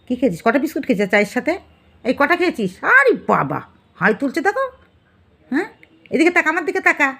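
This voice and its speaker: A woman at home coos and coaxes her pet cat in a casual vlog. Her voice sits high and swoops widely, with a bright, sharp edge. A cat meows now and then behind her. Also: big pitch swings, quick pace, creaky, pauses often. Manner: coaxing, affectionate baby talk with a pet. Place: home, indoors.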